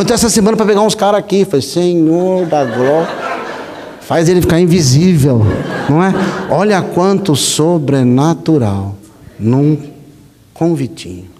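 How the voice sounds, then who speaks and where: A male pastor preaching a sermon, telling stories in an animated, conversational way and often tagging lines with a questioning aside. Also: fairly high pitch. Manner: animated, conversational, frequent rhetorical "né?". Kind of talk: sermon with storytelling. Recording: long hall reverb.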